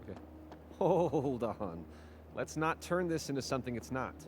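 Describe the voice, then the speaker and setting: A pompous literature professor from a video game, played by a man, holding forth in a lofty, lecturing way. His voice sits at an ordinary male pitch, and his self-importance shows in every phrase. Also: big pitch swings, normal speed, a little hiss or hum, natural voice. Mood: curt.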